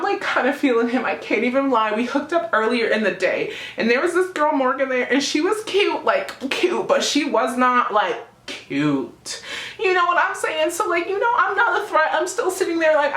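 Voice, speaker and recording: A woman's voice: high-pitched, fairly bright tone. A young woman rambling through a casual, slangy storytime in a giggly, drunk manner. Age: young adult. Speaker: vlogger telling a personal story. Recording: roomy, echoey room sound.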